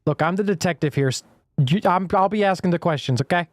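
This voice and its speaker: A man's voice: high-pitched, quick pace, no echo. Brief: male streamer, casual profane game commentary, dry close mic. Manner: excitable, profane, talks to his chat.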